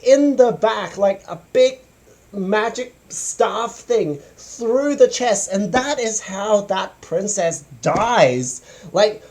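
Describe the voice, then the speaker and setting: A woman's voice: mid-range voice, darkish tone. A young woman in an escalating comedy rant, casually retelling a story with exasperated, dramatic emphasis and plenty of swearing and slang. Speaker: fan commentator.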